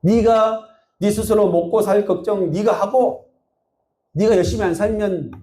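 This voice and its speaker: A man's voice: sits high, measured pace, warm tone, pitched above the performer's own voice. A male pastor voicing Satan as a mocking accuser inside his sermon. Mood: taunting. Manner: mocking, scolding. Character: taunting Satan, a scornful accuser. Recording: echoey church sound.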